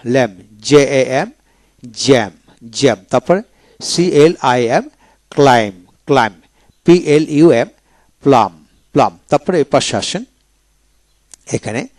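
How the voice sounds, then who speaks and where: A man's voice: mid-range voice, darkish tone, no echo. A man teaching English pronunciation in a video lecture, spelling out each word letter by letter and then repeating it.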